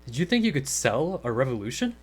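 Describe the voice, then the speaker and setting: A man's voice: medium pitch, very animated, brisk. A man playing a blunt, casually sceptical government agent questioning someone in a naturalistic radio play. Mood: probing, offhand.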